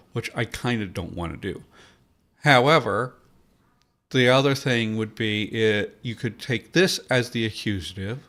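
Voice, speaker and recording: A man's voice: mid-range voice, a bit bright. A man hosting a podcast, thinking aloud as he builds a language, with many fillers and restarts. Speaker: podcast host.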